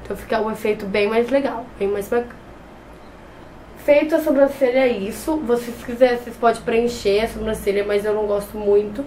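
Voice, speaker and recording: Speaking a little fast in a mellow, steady voice on the high side, this young woman is a beauty vlogger with a cold. The audio is poor with slight background noise. She chats through a makeup tutorial close to a camera in front of her, often restarting words, in a small bedroom with shelves and a clothes rack.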